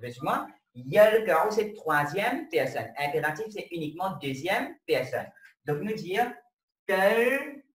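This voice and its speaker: Teaching Arabic in an online class, a Mauritian man with a high, slightly bright voice walks through each step and stops often to make sure his students are keeping up. The recording is roomy and distant, with faint noise.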